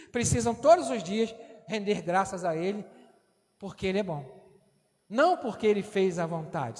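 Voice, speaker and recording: High-voiced man preaching in a reverberant church. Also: darkish tone. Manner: conversational, tags lines with "não é?". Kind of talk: sermon. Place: church sanctuary. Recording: long church hall reverb.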